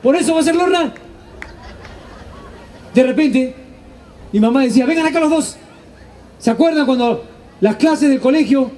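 High-voiced stand-up comedian. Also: male voice. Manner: animated, slangy and crude. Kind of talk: stand-up storytelling. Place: live stage show.

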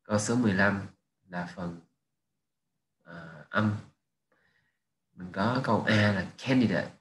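A man's voice: on the low side, takes it slowly. A man teaching English, going through exam answers one by one and reading the English phrases. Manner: explains each answer methodically, mixing in English phrases. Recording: echoey room with faint noise.

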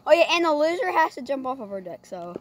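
A woman's voice: high voice, sing-song, fast. A woman hosting a casual reaction video, playful and giggly as she banters. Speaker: channel host. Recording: noisy home recording.

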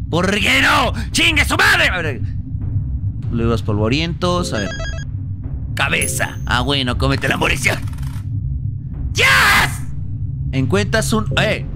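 A Mexican man doing casual live gameplay commentary, excitable and foul-mouthed, often bursting into shouts. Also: on the high side. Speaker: livestreamer playing a video game. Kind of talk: casual live gameplay commentary, translating on-screen text aloud.

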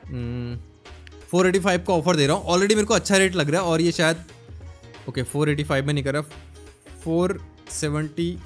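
A man giving casual gameplay commentary, chatty, thinking aloud and haggling over numbers. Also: fairly high pitch. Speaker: gaming YouTuber.

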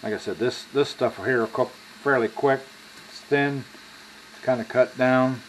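An American home cook in his sixties talks casually through a cooking demonstration at his kitchen stove, full of folksy, drawn-out asides with "y'all." His voice is medium-pitched and steady, and the kitchen recording is clearly noisy.

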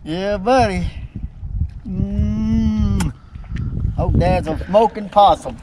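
An older man, exclaiming excitedly while fishing from a small boat on a lake. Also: high voice, drawn-out words. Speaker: fishing partner. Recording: loud boat and water noise.

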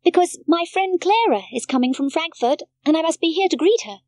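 A woman voicing Heidi, an eager, excitable little girl in a storybook reading, calling out breathlessly. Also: very high-pitched, a little fast, no echo, voice pushed up.

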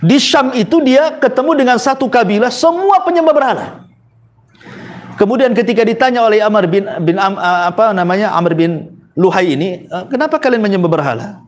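A man with a high-pitched voice gives a storytelling sermon. He talks to his listeners conversationally, drops in rhetorical questions and short tag words, and now and then lets out a chuckle. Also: normal speed. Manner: conversational, asks the audience rhetorical questions, frequent "ya" tags. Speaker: preacher.

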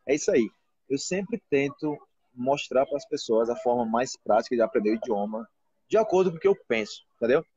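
Speaking a little fast in a warm, slightly rough mid-range voice, this expressive Brazilian man in his thirties teaches Portuguese and hosts a channel. He's on a live video call indoors at a restaurant, chatting casually and animatedly and frequently asking "entendeu?". The phone is held close on its front camera, giving a dry, lo-fi recording.

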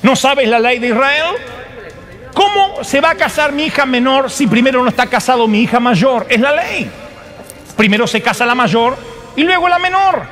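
A man preaching, voicing a scheming older father-in-law who smooths things over with placating excuses. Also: extremely high pitch, lively intonation, moderate pace, a bit bright, voice pushed up. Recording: long hall reverb.

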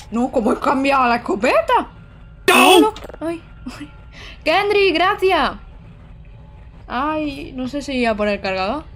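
A young woman from Almería, streaming a game live and chatting excitedly with her viewers. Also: sits high, a little hiss or hum. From Almería, Andalusia, Spain. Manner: chatty and excitable, talks to chat, exclaims often. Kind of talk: live-streamed gameplay commentary.

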